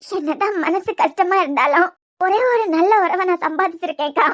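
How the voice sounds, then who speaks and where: A woman voicing a quick-witted young wife in a cartoon web series, with a Kanyakumari Tamil accent and sharp, bickering retorts. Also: very high-pitched. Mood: banter.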